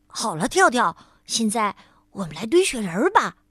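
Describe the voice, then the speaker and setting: A woman's voice: a little high, very animated, moderate pace, fairly bright tone, husky, no room sound, studio quality, heavily acted. A woman voicing a cheerful, eager young rabbit who talks insistently.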